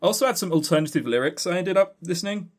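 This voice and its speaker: Talking very fast in a high, lively voice, this man co-hosts a podcast and rambles casually through award lists. He swears freely and keeps the humour sarcastic and dry.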